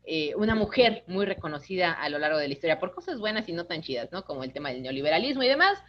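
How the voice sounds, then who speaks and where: A woman, an instructor giving a lively online lecture, talking with her hands. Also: lowish voice, quick pace, lo-fi sound. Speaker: course instructor.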